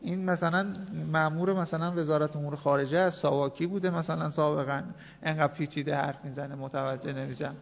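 A male teacher lecturing a class in an animated, emphatic way, repeating his points for the students. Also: fairly high pitch, vocal fry, slight background noise. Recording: dull, reverberant classroom recording.

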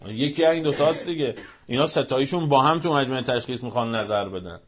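Fervent man preaching, loud then hushed. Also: medium pitch, a little hiss or hum. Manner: fervent, rhetorical, swings from shouting to near-hushed. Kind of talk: impassioned speech.

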